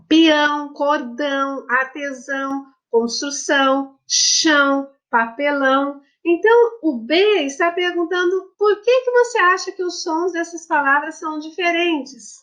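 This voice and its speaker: A woman's voice: high voice, a bit bright. A woman, a primary school teacher recording a lesson for children, explaining patiently and affectionately step by step.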